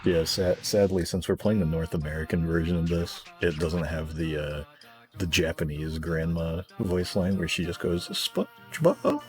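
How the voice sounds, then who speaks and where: A man's voice: low-pitched, fairly even intonation, moderate pace, a little mellow, faint music behind. A young man streaming a game from home, reading the game's text aloud and chatting casually, swearing and laughing easily. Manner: laid-back, swears casually, laughs often.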